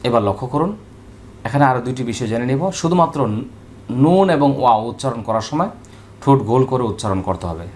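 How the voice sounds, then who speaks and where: A man teaching Quran recitation with a Bangladeshi Bengali accent, drilling Arabic letters slowly and repeating each sound with care. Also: medium pitch, lively intonation, a little mellow. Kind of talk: slow, careful pronunciation lesson.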